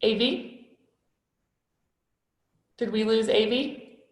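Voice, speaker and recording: A woman moderating an online panel, hesitant with filler words, with a cave-like echo from a big high-ceilinged room. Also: very slow. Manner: hesitant, many filler ums. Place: large house with very high ceilings. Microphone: computer mic without headphones on a video call. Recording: echoey cave-like room sound.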